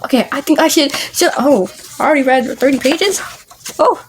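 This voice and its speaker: A woman's voice: sits high, normal speed, a little hiss or hum. A woman vlogger casually reading a book aloud, stumbling over words and restarting lines.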